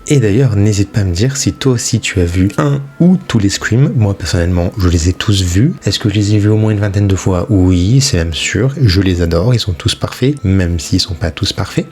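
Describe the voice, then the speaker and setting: A man's voice: fairly low pitch, darkish tone. A man hosting a drawing vlog in a casual voice-over, chatting and joking at his own expense while speaking straight to the viewer. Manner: chatty, self-mocking, speaks to the viewer directly. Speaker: drawing channel host.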